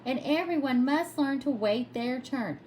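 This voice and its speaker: A woman voicing a firm, patient female sea-creature schoolteacher in a storybook, instructive and measured. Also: high-pitched, expressive, a little mellow, a little hiss or hum.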